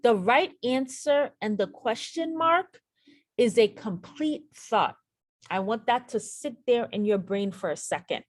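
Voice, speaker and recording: With a slightly high voice and lively intonation, a woman walks viewers through a nursing exam lesson on screen share at a measured pace. She speaks to them directly, repeating key points for emphasis, and the audio has no echo.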